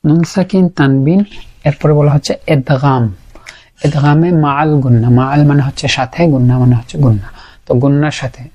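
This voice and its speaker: A man's voice: medium pitch, fairly even intonation, brisk, darkish tone. A man teaching Quran pronunciation in a lesson, patiently repeating each sound to show it. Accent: Bangladeshi Bengali. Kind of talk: explanatory lesson.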